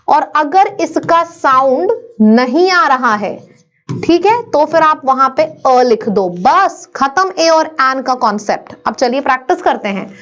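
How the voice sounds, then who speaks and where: A woman's voice: high voice, fairly bright tone, highs cut off. A woman teaching an online English grammar lesson, drilling students by asking questions and answering them herself.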